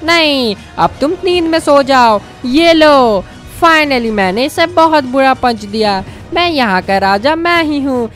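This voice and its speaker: A woman's voice: sits high, lively intonation, measured pace, few pauses, a bit bright, soft background music. A woman voicing a scrawny, vengeful male Hulk king in a game story, sneering and menacing.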